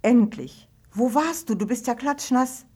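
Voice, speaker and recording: A woman's voice: medium pitch, animated, moderate pace, natural voice. A woman reading a storybook, voicing an anxious, earnest young girl in a raised, pleading voice.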